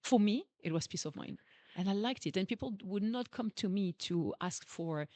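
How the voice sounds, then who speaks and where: A woman's voice: mid-range voice, lively intonation, normal speed, dry recording. A woman with a non-native English accent hosting an interview, asking questions and agreeing often. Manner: warm agreeing, many "true" and "yeah" replies. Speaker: podcast host, interviewer.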